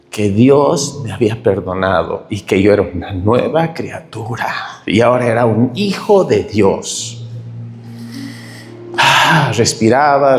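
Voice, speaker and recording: A middle-aged man preaching a tearful, animated testimony sermon in a church hall. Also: mid-range voice. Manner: emotional, tearful, animated storytelling. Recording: echoey hall reverb.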